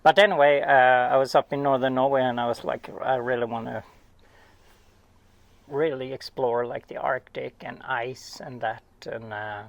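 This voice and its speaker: Recorded in a small cabin, this middle-aged man from Sweden speaks with a Swedish accent as a guest oceanographer in a casual interview, wandering off topic, laughing, restarting and poking fun at himself. His mid-range, creaky voice keeps a fairly even intonation at a moderate pace, and the sound is dry and lo-fi.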